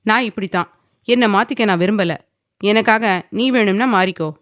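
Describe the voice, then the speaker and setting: A woman's voice: medium pitch, a little fast, fairly bright tone, dry recording, studio quality, natural voice. A woman voicing a domineering, possessive young man who speaks firmly and commandingly, sometimes teasing.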